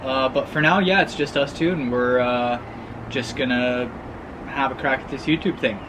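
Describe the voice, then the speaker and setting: A man in his twenties from Oregon, chatting casually in a Q&A vlog, relaxed and hesitant with many ums. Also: medium pitch, normal speed, reverberant, noisy background. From Oregon, United States. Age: 20s. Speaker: vlogger, youth missions worker. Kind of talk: casual Q&A chat.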